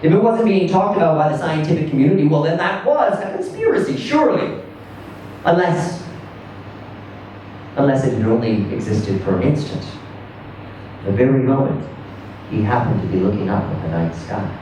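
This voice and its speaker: A man reads a dramatic first-person short story to a live audience, his delivery conversational and theatrical with lively pitch swings and deliberate pauses. The room is very echoey, the mic sits at a distance, and faint noise runs beneath his voice.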